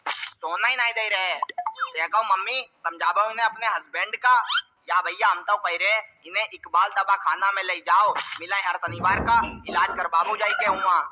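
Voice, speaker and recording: A man's voice: sits high, normal speed, very noisy, lightly acted. A man doing a cheeky teasing cartoon son. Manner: teasing, rustic cheeky talk. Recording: cartoon dub over clear music.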